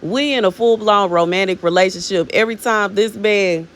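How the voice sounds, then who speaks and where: In a medium-pitched voice at a moderate pace, a minister in her thirties chats loosely with viewers about prophetic words. Her talk drifts around, with frequent "you know what I'm saying" and terms of endearment like "baby."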